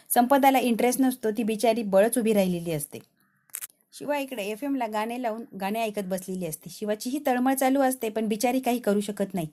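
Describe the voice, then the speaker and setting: A woman's voice: on the high side, dark tone. A woman narrating and reviewing a TV serial episode, retelling its plot step by step. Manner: narrating plot and acting out dialogue.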